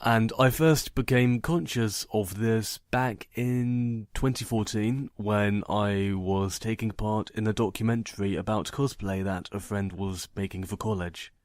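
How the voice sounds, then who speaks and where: Low, monotone man, dry and deadpan. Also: a little slow, few pauses, no room sound. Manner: fairly monotone, plain matter-of-fact delivery. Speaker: narrator and video creator. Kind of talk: personal vlog monologue, voice only.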